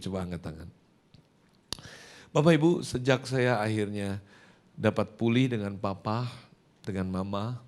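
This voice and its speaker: A male pastor, preaching a sermon through a personal story and acting out the dialogue. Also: fairly low pitch. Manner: animated, acts out dialogue.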